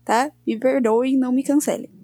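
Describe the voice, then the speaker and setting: A woman's voice: sits high, steady tone, normal speed, mellow, dry recording, clean studio sound. A woman with a Brazilian accent hosting a podcast, switching between scripted narration and informal, self-deprecating asides. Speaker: podcast host. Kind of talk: casual chat and scripted true-crime narration with asides.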